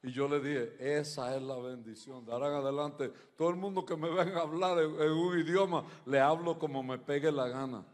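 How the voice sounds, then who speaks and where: High-pitched preacher man in a reverberant hall. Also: steady tone, fairly quick, few pauses. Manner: swings from loud preaching to quiet storytelling. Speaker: pastor. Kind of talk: sermon with stories. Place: large church hall.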